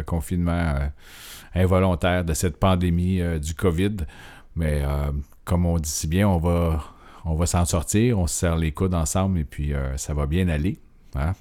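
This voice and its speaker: Low-voiced hesitant Quebec host. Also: male voice, mellow. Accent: Quebec French. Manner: rambling, hesitant with many filler sounds. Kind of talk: casual radio-style presentation.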